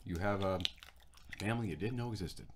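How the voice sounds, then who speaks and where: A man's voice: low-pitched, a little fast, slight background noise. A man hosting a casual livestream chat, rambling and talking while he eats. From Florida. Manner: rambling, chatty, talks while eating. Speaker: show host.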